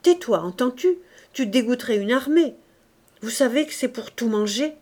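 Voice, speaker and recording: A woman's voice: fairly high pitch, lively intonation, normal speed, warm tone, voice pushed up. A woman doing a furious scolding wife. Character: indignant working-class woman, scolding her husband.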